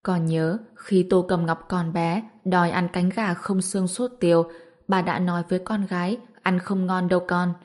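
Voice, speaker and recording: Woman narrator, storybook reading, calm, steady, fairly low voice. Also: moderate pace.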